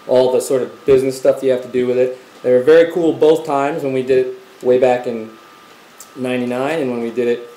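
A man's voice: medium pitch, steady tone, brisk, warm tone, roomy sound, slight background noise, poor audio. A man in casual, joking livestream chat, rambling about his band's music. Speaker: band member on a livestream. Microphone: laptop webcam mic.

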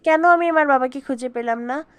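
A woman's voice: high-pitched, a little fast, no room sound, natural voice. A woman reading the lines of a chatty, curious little girl in a spoken story recap. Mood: eager.

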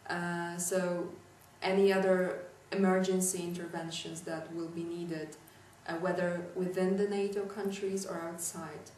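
Young polish woman, lowish voice. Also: flat delivery, unhurried, hardly any pauses, a little mellow. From Poland. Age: young adult. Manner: thoughtful, hesitant with fillers. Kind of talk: interview answer. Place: indoor room with lamp and furniture. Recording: echoey room, distant mic.

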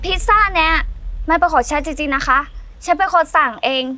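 A woman's voice: high-pitched, fairly quick, bright, forceful tone, a little hiss or hum. An actress playing a wronged, insistent young female migrant labourer, protesting earnestly in a short drama. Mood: pleading, protesting. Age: young adult. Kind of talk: acted melodrama dialogue. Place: outdoors at a building site. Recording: music under the voice.

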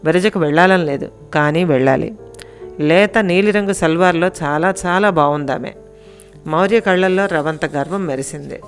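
A woman calmly narrating a Telugu family audio story in a scripted, even storytelling manner. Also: on the low side, normal speed, faint music behind.

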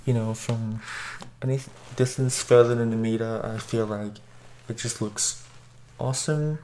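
A man speaks from behind a face mask, his delivery slow and hesitant, full of small pauses and restarts. His pitch stays flat with little rise or fall. A faint hiss of noise sits under the recording. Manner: hesitant, many ums and restarts. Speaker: mask reviewer. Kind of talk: casual product review.

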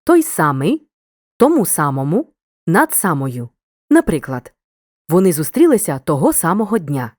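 A woman narrating a scripted grammar lesson in a clear, measured, instructive way. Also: low-pitched, big pitch swings, no echo, studio quality.

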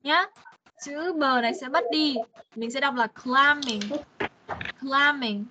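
A woman English teacher on an online class call, explaining patiently and drilling words slowly. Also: sits high, noisy background. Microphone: computer mic on video call. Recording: dull, lo-fi video call audio.

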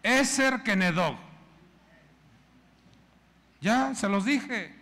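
A pastor preaches with a high, swooping voice and a gravelly edge, taking his time between phrases. He acts out characters' voices and has the congregation repeat after him. His voice rings with the long reverb of a church hall. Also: expressive, extremely slow, sharp tone. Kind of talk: sermon.

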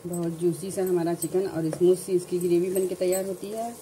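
A woman narrating a home cooking tutorial, calmly explaining each step in order. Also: lowish voice, brisk, a little hiss or hum, poor audio. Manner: calm step-by-step instructions. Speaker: cooking channel host.

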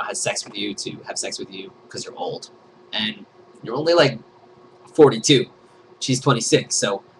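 A man's voice: medium pitch, slight background noise, rough recording. Joking, rambling male vlogger. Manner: jokey, rambling, breaks into silly put-on voices. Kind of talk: casual chat about trending topics.

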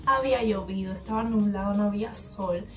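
A woman with a Cuban Spanish accent tells a rambling storytime in a loose, chatty way, slipping into the voices of the people in it. Her voice sits at an ordinary middle pitch. She is picked up a little away from the mic, with faint music running underneath. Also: brisk. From Cuba. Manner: chatty, rambling, acts out the other person's replies. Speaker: hair vlogger. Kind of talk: casual storytime vlog. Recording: slightly distant mic with faint background music.

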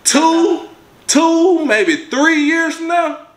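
A man's voice: very high-pitched, animated, very slow, reverberant. A young man hosting a casual vlog from a living room sofa, laid-back but hyping up his viewers. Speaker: vlog host.

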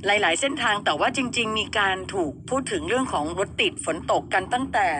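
A woman's voice: mid-range voice, expressive, fairly quick, noisy background. A woman in her thirties hosting a radio show, chatting casually and throwing rhetorical questions at listeners and her co-host.

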